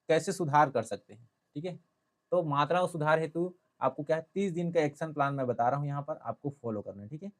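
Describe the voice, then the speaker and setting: Hindi teacher man, patient explainer. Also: a little high. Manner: explanatory, repeats "theek hai" often. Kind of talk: classroom-style lesson.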